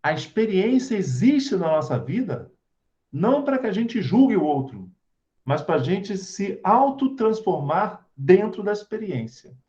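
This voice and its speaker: A spiritual lecturer gives a conversational talk, putting rhetorical questions to his audience. His voice sits high with a dark tone and a sing-song, slightly slow delivery. The recording is dull and lo-fi.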